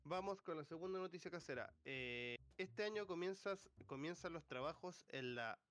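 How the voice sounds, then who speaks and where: A man's voice: a little high, animated, normal speed, a bit bright. A man with a Chilean accent, the host reading news items in a playful, jokey casual chat.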